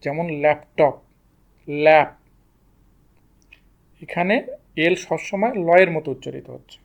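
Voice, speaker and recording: A man's voice: a little high, a little slow, vocal fry. A man teaching English pronunciation to students, asking questions and answering them himself. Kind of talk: explaining lesson to students.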